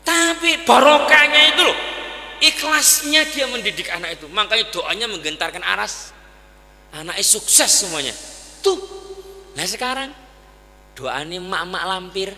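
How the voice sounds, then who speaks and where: A man's voice: sits high, moderate pace, long pauses, bright, forceful tone. A man preaching a sermon in a folksy, conversational way, often asking the audience to agree. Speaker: Islamic preacher. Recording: echoey hall with long reverb.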